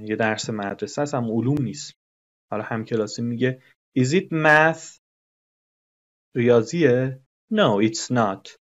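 A man teaching English, explaining patiently, repeating phrases and translating them. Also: mid-range voice. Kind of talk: recorded lesson explanation. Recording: dull lo-fi recording.

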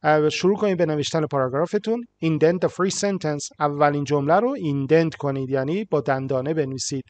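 A man with a Persian accent teaches an English writing lesson, reading each English line slowly and clearly before translating it quickly with small fillers. His voice is fairly high and a little mellow.

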